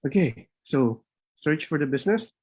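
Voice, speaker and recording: A man's voice: fairly high pitch, big pitch swings, normal speed, darkish tone, husky. A man hosting a live webinar, talking informally, with many fillers and restarts. He is a bit out of breath and speaks into a laptop mic. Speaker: immigration consultant and webinar host.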